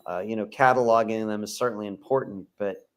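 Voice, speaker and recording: A man co-hosting a podcast in casual chat, rambling with plenty of "you know" and gently teasing his co-host. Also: on the low side, steady tone, fast talker, clean tone.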